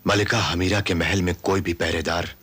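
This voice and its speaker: A puzzled young prince hero. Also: male voice, deep voice, fairly even intonation, moderate pace, fairly bright tone, slightly rough.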